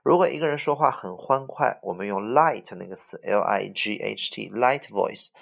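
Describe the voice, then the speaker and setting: Guy with a gravelly lowish voice teaching vocab, repeats every word a bunch. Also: animated, normal speed, fairly bright tone. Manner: explains word by word, repeats English words with Chinese fillers. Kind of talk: vocabulary lesson lecture.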